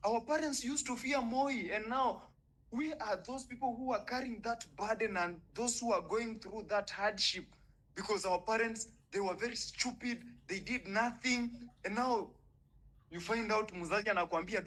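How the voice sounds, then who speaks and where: In an online audio room, a young Kenyan-accented man speaks at a moderate pace, his high-pitched voice fairly bright. He is fiery and indignant, swearing as he makes his impassioned case, and the recording is low quality.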